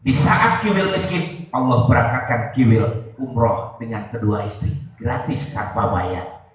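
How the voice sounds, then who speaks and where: A man's voice: mid-range voice, lively intonation, unhurried. A man giving a humorous sermon, telling stories and praying aloud dramatically to the audience. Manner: storytelling, addresses the audience often, prays aloud dramatically. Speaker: comedic preacher. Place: live event before an audience. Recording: very echoey, distant live venue.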